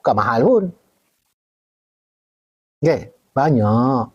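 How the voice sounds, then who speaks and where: Husky Malaysian man, animated Q&A. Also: brisk, muffled recording. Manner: animated, leaps high for emphasis, keeps checking in with "okay?" and "right?". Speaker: retired army officer answering viewer questions. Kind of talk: casual live Q&A.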